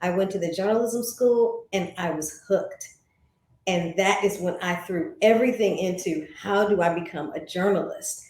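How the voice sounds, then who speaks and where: A former broadcast journalist from St. Louis, in the United States, is an interview guest telling personal stories in a reflective, conversational way and voicing remarks she remembers. Her voice is fairly low with a darkish tone, she speaks at a normal speed, and the room sounds echoey.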